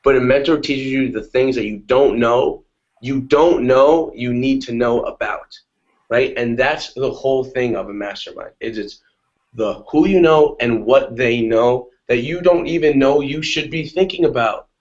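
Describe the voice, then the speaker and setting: A man in a casual motivational talk on a webinar call, energetic and repetitive, often asking "right?". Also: mid-range voice, unhurried. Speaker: guest on a webinar. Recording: dull lo-fi webinar audio.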